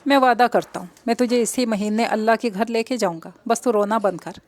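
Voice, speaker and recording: A woman's voice: a little high, fairly quick, darkish tone, natural voice. A woman voicing a protective young man who speaks firmly and steadily. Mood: soothing.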